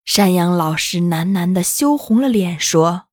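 A woman narrating a children's story in a gentle, unhurried, expressive reading. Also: fairly low pitch, no echo, clean studio sound.

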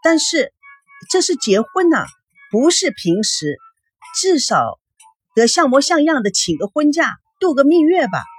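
女声演的讲道理的美容师大姐. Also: female voice, high-pitched, big pitch swings, unhurried, soft background music, voice pushed up. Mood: earnest. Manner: reasoning, agreeing. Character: sensible older female beautician.

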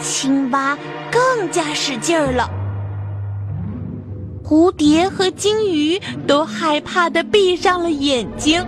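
A woman narrating a children's story in an expressive, lively way. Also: high-pitched.

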